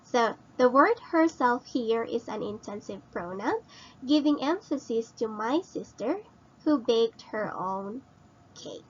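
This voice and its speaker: Slow, patient woman teacher, lo-fi. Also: on the high side, expressive, slightly rough. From Philippines. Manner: explains slowly and repeats, asks students questions. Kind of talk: recorded grammar lesson.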